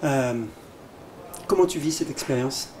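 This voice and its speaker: A man's voice: mid-range voice, unhurried, background noise. A man interviewing a guest in a casual, familiar way. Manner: friendly, familiar questioning.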